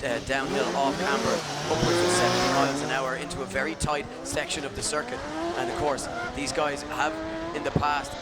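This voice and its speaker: Male motorsport commentator, high voice, live race calls, heavy vehicle noise behind. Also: moderate pace. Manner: excited calls swinging into calmer analysis. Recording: loud engine and vehicle noise outdoors.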